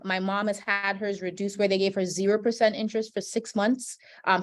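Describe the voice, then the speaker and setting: A woman from Trinidad teaching budgeting and credit basics in a webinar, explaining step by step and checking in with "right?" as she goes. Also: medium pitch. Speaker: financial educator. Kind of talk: webinar presentation. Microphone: video call.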